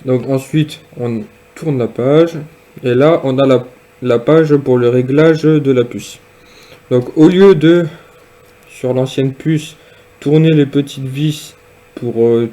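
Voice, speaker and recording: A man casually demonstrating and reviewing a piece of gear, speaking hesitantly with frequent pauses and fillers. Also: medium pitch, mellow. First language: French. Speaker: product reviewer.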